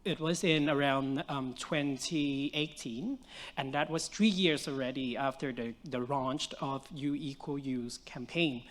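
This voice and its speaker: A man's voice: medium pitch, unhurried, a bit bright. A young adult man, a physician on a conference panel, talking with a stuffy, nasal voice in an earnest, explanatory way with many fillers. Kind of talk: panel discussion answer. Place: conference stage.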